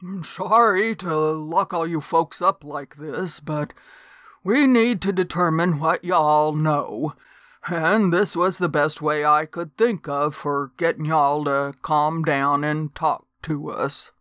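A woman voicing a calm, blank-faced male federal agent in an audiobook, speaking in a steady drawl. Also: sits low, dry recording, studio quality. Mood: coaxing. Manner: slow, steady drawl with "y'all". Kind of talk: audiobook character voice.

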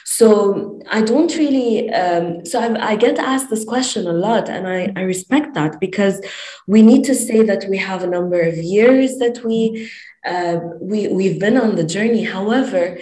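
A woman's voice: mid-range voice, measured pace, warm tone, echoey room, low-quality recording. A woman from Lebanon, a life coach, speaking earnestly and passionately in a podcast interview, with many fillers.

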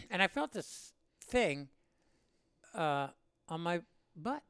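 A gravelly, fairly high-pitched man in his seventies tells his war story in an interview, rambling and animated. He is from Illinois. His voice is recorded close and dry. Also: drawn-out words, no echo. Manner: rambling and animated, with laughs and acted-out quotes. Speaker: veteran interviewee. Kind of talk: oral-history storytelling.

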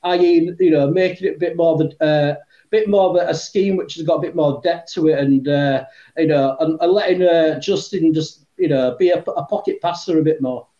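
A man with a Yorkshire accent and a slightly high, dark-toned voice chats a little fast as a podcast guest, rambling casually with plenty of fillers and the occasional swear word. He's on earbuds, so the mic sounds dull and lo-fi in an echoey room.

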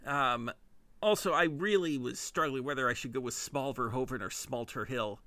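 A man's voice: mid-range voice, normal speed, bright, forceful tone, no echo. A man with a Midwestern accent, hosting a podcast and telling a casual comedic monologue, often breaking into giggles at his own puns. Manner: giggly, self-amused punning. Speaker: podcast host.

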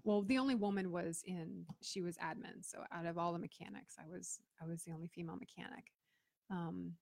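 A woman's voice: on the low side, steady tone, a little fast, gravelly, a little mellow, no echo. A middle-aged woman from Florida, a guest chatting casually and acting out the voices of people in her stories. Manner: chatty, acts out quoted voices. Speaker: guest, business owner and veteran. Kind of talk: casual storytelling interview.

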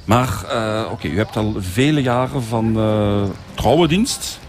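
A man's voice: fairly low pitch, lively intonation, a little slow, soft background music. A man with a Belgian Dutch accent doing a casual local radio interview, searching for words as he asks questions.

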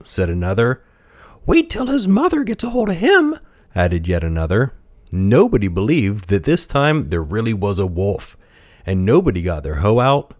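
A man hosting a storytelling podcast, reading a children's fable in an expressive, gentle teaching tone on a close mic. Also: deep voice, no room sound.

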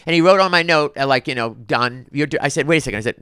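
A male podcast host tells stories in a lively, conversational way, stumbling over and repeating words as he goes. His voice is somewhat high and very bright. The sound is close and dry, with no room echo. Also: smooth. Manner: animated, quick restarts and repeated words. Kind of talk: casual storytelling chat.

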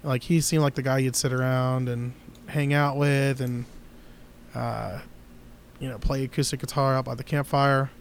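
A man's voice: medium pitch, level tone, moderate pace, gravelly, a little hiss or hum. A man co-hosting a casual guitar podcast, talking in a rambling, opinionated way with many restarts. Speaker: podcast co-host. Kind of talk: casual chat.

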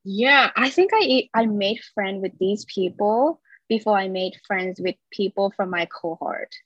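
A woman's voice: medium pitch, measured pace, a bit bright, no echo. Chatty young woman from Thailand, dry sound. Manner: chatty and upbeat, laughs between stories. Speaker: podcast guest. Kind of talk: casual interview chat. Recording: slightly dull dry sound.

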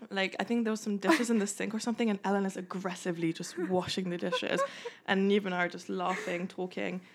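A woman's voice: medium pitch, flat delivery, fairly quick. Giggly young woman guest. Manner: laughing, giggly storytelling. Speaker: podcast guest. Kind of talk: casual chat.

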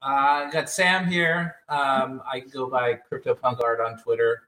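A man guest on a casual panel, rambling with halting restarts, speaking in a room he shares with other guests. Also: mid-range voice, level tone, pushed and bright, distant mic. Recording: echoey room, off-mic.

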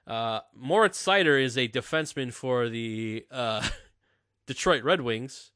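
A man's voice: mid-range voice, slow pace, bright, forceful tone, clear, resonant tone, no echo, studio quality. A man hosting a casual fantasy sports podcast, joking and reading listener emails. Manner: jokey, reads listener emails. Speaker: podcast host.

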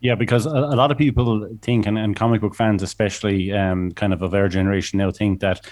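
A man's voice: fairly low pitch, steady tone, brisk, a little mellow. A man with an Irish Midlands accent, chatting casually as a podcast co-host.

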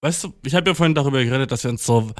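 A man's voice: medium pitch, racing, no room sound, studio quality. A young man in a casual, rambling monologue, heavy with slang and English words, acting out the voices in his stories. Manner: acts out quoted dialogue while storytelling. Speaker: solo talker.

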